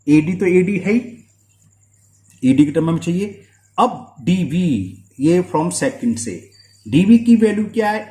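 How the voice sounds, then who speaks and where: Lively man teaching maths. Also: a little high, reverberant. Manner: checks understanding often with quick questions. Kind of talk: board-work maths lesson.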